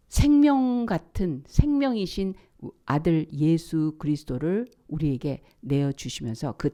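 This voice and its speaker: A woman pastor preaching at a church service. She asks rhetorical questions, repeats her key points, and drops now and then to a hushed, breathy whisper. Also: low-pitched. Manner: rhetorical questions and emphatic repetition. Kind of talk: sermon.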